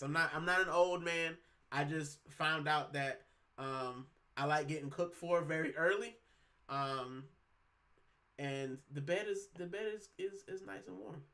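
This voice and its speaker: This livestream host is a man in his thirties from Puerto Rico, broadcasting casually from home. His fairly high voice sounds pushed and bright as he chats, rambles, drops slang and fillers, and reads out viewers' comments.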